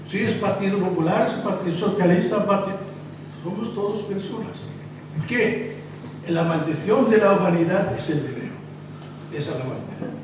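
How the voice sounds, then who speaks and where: A high-pitched Palestinian man addresses a restaurant dining hall with an after-dinner speech as a local election candidate. He stumbles along, searching for what to say. Recorded from afar in an echoing room, the audio carries a lot of noise.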